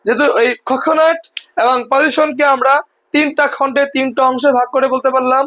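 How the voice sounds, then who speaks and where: An English teacher giving a spoken lesson to learners, asking a question and then answering it, spelling words out letter by letter and repeating them slowly. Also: sits high, fairly even intonation, fairly bright tone, rough recording. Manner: asks and answers own questions, syllable by syllable.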